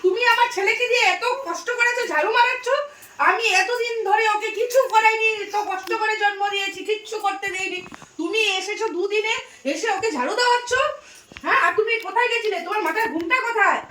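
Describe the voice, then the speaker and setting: A child playing a scolding mother-in-law in a comic family skit, firing off sharp repeated questions. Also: very high voice, fast, slight background noise. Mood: indignant. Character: scolding mother-in-law, protective of her son. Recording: echoey room, far mic, music behind.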